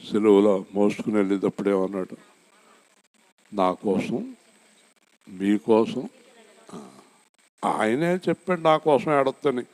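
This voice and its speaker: A male pastor preaching a sermon, asking the congregation questions and swinging from high, loud emphasis down to low, quiet words.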